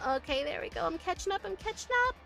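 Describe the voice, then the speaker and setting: This American woman has an extremely high, bright, forceful voice with vocal fry and lively intonation, and she talks fast. While streaming with soft music behind her, she reads viewer messages in a chatty, giggly way, using lots of fillers and restarts.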